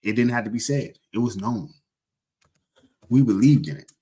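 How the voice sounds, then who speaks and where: A fairly low-pitched young man talks casually to viewers on a livestream. He rambles, jokes and corrects himself as he goes. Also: expressive, moderate pace, warm tone, slightly rough. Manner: rambling, self-correcting, joking. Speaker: livestream host.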